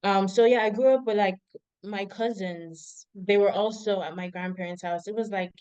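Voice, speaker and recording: A woman's voice: mid-range voice, fairly even intonation, normal speed, a little mellow, clean tone, no echo, low-quality recording. A young woman from Zimbabwe, a doctoral researcher, reflecting as a guest in a casual interview and telling her story with many "like" fillers.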